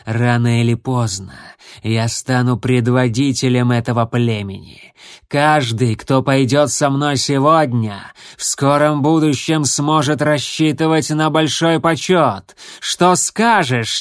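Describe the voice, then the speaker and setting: A man voicing a huge, cold and menacing warrior tomcat in an audiobook, speaking slowly with a hissing contempt. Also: mid-range voice, clean tone, no room sound, clean studio sound, lightly acted.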